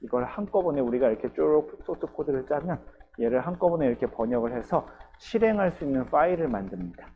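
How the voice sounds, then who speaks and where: A man's voice: mid-range voice, a little mellow, low-quality recording. A male university lecturer giving a recorded programming class, explaining step by step and often checking in with his students. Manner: patient, explains step by step with frequent "ye" and "geujyo" check-ins.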